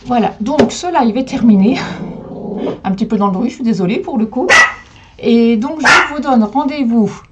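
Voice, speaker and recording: A woman's voice: on the high side, lively intonation, normal speed, muffled recording, background noise. A woman casually hosting a live crafting demonstration from home, chatting with viewers as she works. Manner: chatty, answers viewer comments and talks to her dog. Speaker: host of a live crafting stream.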